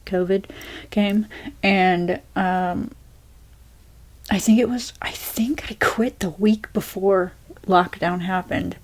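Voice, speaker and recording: A young woman, an ASMR creator, talking softly and rambling through a Q&A with many fillers and restarts. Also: medium pitch, fairly even intonation, slow. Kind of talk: soft-spoken rambling Q&A.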